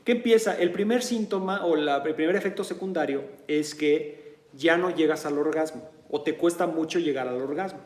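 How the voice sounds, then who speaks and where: A man's voice: fairly high pitch, moderate pace, roomy sound. A man with a Mexican accent talking candidly in a casual monologue, often checking in with his listener. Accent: Mexican Spanish. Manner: candid, conversational, frequent "¿sí?" check-ins. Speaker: martial arts instructor sharing personal experience.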